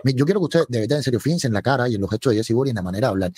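A man's voice: mid-range voice, expressive, a little mellow. A man giving mocking gossip commentary on a talk show. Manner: mocking, rapid-fire gossip.

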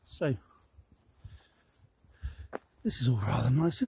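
A man's voice: medium pitch, lively intonation, slow pace, gravelly, warm tone, breathy edge, dry recording. Middle-aged man chatting on a country walk. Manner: chatty, rambling with restarts. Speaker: vlogger. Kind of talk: casual outdoor vlog chat. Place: outdoors on a rural valley track. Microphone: camera mic, selfie framing then distant camera.

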